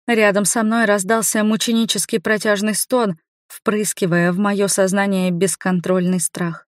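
A woman's voice: medium pitch, level tone, moderate pace, no room sound. Woman narrating a tense audiobook. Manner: tense, suspenseful storytelling. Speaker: audiobook reader. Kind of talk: first-person audiobook narration. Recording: dry close studio sound.

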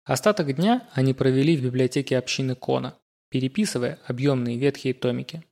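Male narrator, fantasy audiobook, even measured reading, mid pitch. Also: creaky. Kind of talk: scripted narration.

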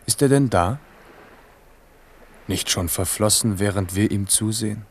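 A man's voice: fairly low pitch, measured pace, a little mellow, slight background noise. An actor playing a weary, loving, philosophical king in a German radio drama, with solemn, lyrical delivery. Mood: weary, tender musing. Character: King Henri, weary, musing, loving monarch.

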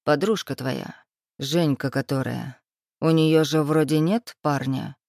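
A woman's voice: sits low, slow, creaky, darkish tone, no room sound, studio quality, voice pushed down, exaggerated voice. A woman voicing a mocking young male thug who teases with a smug, drawling manner.

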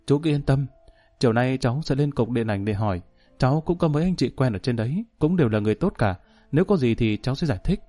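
A man voicing a kind young woman who speaks softly and soothingly to an older man. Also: mid-range voice, animated, fast, faint music behind, natural voice.

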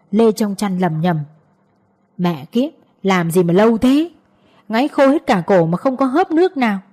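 A woman's voice: mid-range voice, dark tone, slightly rough. A woman narrating a scripted story as an audiobook reader.

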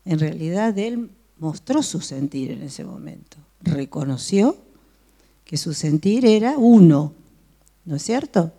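Mellow-voiced woman teaching Bible study. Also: lowish voice, lively intonation, slow pace. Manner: asks the listeners frequent questions. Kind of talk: church teaching to a group.

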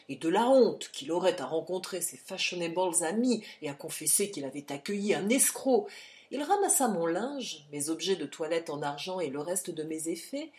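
A woman reading a classic novel aloud in a measured narrative style. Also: lowish voice, darkish tone. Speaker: audiobook reader. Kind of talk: literary audiobook narration.

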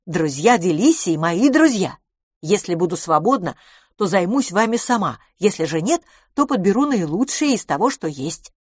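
A brash, self-assured salon owner, as a woman reads her in an audiobook, bragging brisk and emphatic. The voice sits fairly low, a little husky, in a dry close sound. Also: big pitch swings, darkish tone, no echo. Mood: boastful. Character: brash, confident London beauty salon owner.

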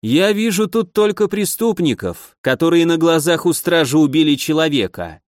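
A man reading an audiobook, voicing a short, plump, shifty town guard commander who talks in a gruff commanding tone. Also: fairly high pitch, big pitch swings, moderate pace, no echo, clean studio sound, voice pushed up. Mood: shrill, accusing.

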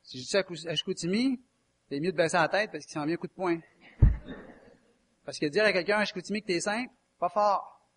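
A man's voice: high voice, a little fast, pauses often, a bit bright. A man with a Québécois French accent preaching a chatty, folksy sermon and quizzing his listeners. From Quebec. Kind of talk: conversational sermon.

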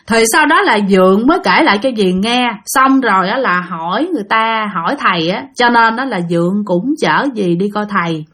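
A woman's voice: medium pitch, animated, moderate pace, hardly any pauses, fairly bright tone. A woman tells a ghost story in a chatty way, talking straight to her listeners and repeating words for effect. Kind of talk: spoken ghost-story narration.

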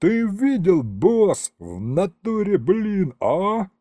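A man's voice: lowish voice, sing-song, measured pace, dark tone, husky, dry recording, clean studio sound, exaggerated voice. A man voicing a cheeky male imp sidekick who talks in brash street slang. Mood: excited.

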